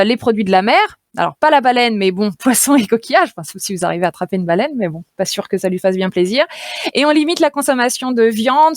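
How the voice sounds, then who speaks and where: On a radio show, a dietitian explains nutrition in a lively, chatty and playful style, full of fillers and ready laughs. Her medium-pitched voice comes through a studio radio mic with clean, dry studio sound.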